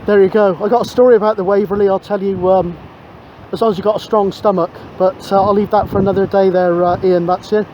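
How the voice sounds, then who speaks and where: On a blustery beach, a CB radio operator chats in a friendly, meandering way, half on the radio and half narrating to camera. His voice is high and mellow, moving little in pitch, and he speaks fast. Wind and outdoor sounds come through clearly in the dull recording.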